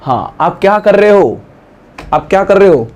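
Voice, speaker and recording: A man with an Indian accent teaching an English grammar lesson in class. He explains things quickly and then says the English sentences slowly and clearly. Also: high voice, expressive, darkish tone. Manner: speaks directly to the students and prompts them to translate.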